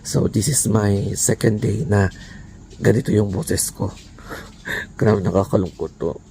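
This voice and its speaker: Hoarse man with a croaky voice. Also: fairly low pitch, steady tone, takes it slowly, mellow, slight background noise. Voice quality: raspy, croaky voice. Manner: chatty Taglish, mixing in English; laughs breathily between phrases. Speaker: vlogger. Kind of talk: casual vlog chat.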